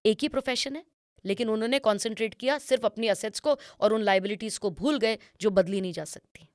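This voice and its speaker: Woman, interview guest, image consultant; higher-pitched, instructive delivery, close dry mic. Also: fairly quick, no room sound. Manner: instructive, mixes English phrases into Hindi. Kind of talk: explanatory interview answers.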